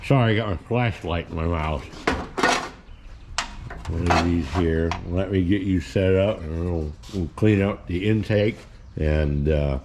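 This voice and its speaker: This low-voiced man talks a little slowly over heavy background noise. He's a channel host and hobby mechanic narrating his work on an old car in his home garage, wandering along in plain speech with lots of fillers and false starts.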